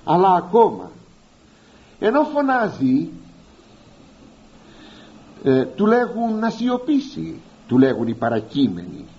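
A man preaching a sermon, speaking straight to his listeners and slowly drawing out the words he wants to stress. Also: on the high side, wildly swooping pitch, a little mellow, lo-fi sound. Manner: addresses listeners directly as "beloved".

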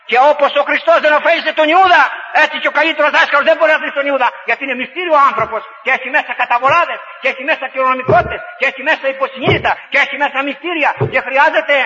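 A male preacher tells a folksy story as a sermon, with repeated phrases and rising exhortations. His voice is very high and very bright. It sounds like a dull radio broadcast with long hall reverb. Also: hardly any pauses.

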